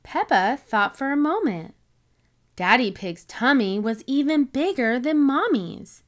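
Woman reading a kids' book aloud, animated. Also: high voice, a little slow. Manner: animated, expressive. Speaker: children's book reader. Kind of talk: storybook read-aloud.

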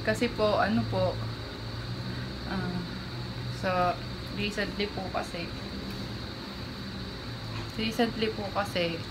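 A young woman from the Philippines filming a prank vlog at home, giggling and then switching to slow, mock-formal speech. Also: mid-range voice, steady tone, noisy background. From Bulacan, Philippines. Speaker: vlogger.

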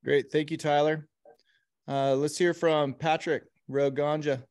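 Man hosting a video call meeting, clear smooth voice, dry sound, easygoing and halting. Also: a little high, no echo. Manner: relaxed, halting with fillers. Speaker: meeting host, co-op vice president. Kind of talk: casual online meeting.

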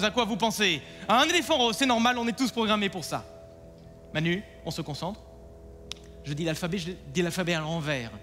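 A man's voice: high-pitched, a bit bright. A man performing as a mentalist on stage, coaxing and directing a volunteer in a theatrical, commanding way, in a live theatre with long reverb.

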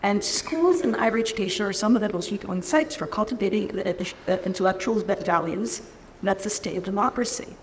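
A woman from Israel giving a keynote lecture at a lectern in a large conference hall, speaking in a measured, earnest way. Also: mid-range voice, a little hiss or hum. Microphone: lectern microphone. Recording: reverberant hall, faint ambience.

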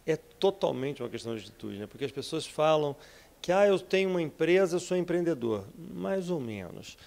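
A Brazilian entrepreneur in his fifties giving an energetic, persuasive interview in an office, speaking into a handheld mic. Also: medium pitch, creaky. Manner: energetic, persuasive, frequent tag questions. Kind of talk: interview answers. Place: office with bookshelves, indoors.

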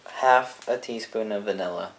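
A young man with a somewhat low voice calls out recipe steps and teases his friend a little. He is recorded from a camera across an echoey kitchen, with noise in the background. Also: moderate pace, vocal fry, distant mic. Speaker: cooking helper. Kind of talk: casual chat, reading recipe steps. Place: home kitchen.

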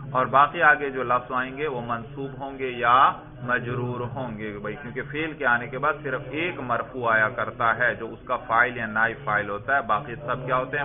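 A man teaching Arabic grammar in a classroom lecture. He reads lines of text aloud, explains them, and quizzes his students, often answering his own questions. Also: mid-range voice. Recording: tinny phone-like lo-fi classroom recording.

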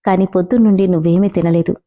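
Woman doing a gentle worried mother. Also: fairly low pitch, fairly even intonation, quick pace, dull audio, natural voice. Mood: tender. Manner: soothing, affectionate. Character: caring middle-aged mother, gentle and worried.

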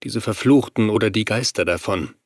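A man's voice: lowish voice, normal speed, dry recording, clean studio sound, lightly acted. A male audiobook reader voicing a worried father searching for his missing son, speaking in a tense, urgent way.

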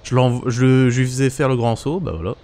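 A man's voice: mid-range voice, steady tone, fairly quick, dark tone. A young man giving casual live gameplay commentary as a streamer. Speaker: game streamer. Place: indoors at a gaming setup. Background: faint game music.

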